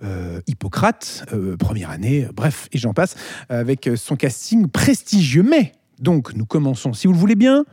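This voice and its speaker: A man's voice: medium pitch, very animated, normal speed, a little mellow, breathy edge, dry recording, studio quality. A man hosting a casual film podcast, teasing his co-hosts playfully and leaning on lots of fillers. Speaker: podcast host.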